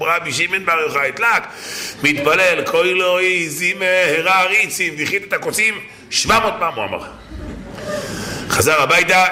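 A man's voice: on the high side, pushed and bright, reverberant, a little hiss or hum. A man giving a storytelling sermon to a congregation, acting out the people in his stories with shifting voices and exclamations. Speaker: rabbi giving a Torah talk.

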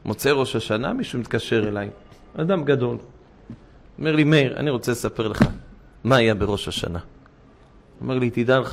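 A man's voice: mid-range voice, vocal fry. A man, a rabbi, telling stories in a sermon, acting out the dialogue and building to impassioned warnings. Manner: storytelling, acting out dialogue, rising to impassioned exhortation. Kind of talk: sermon with anecdotes.

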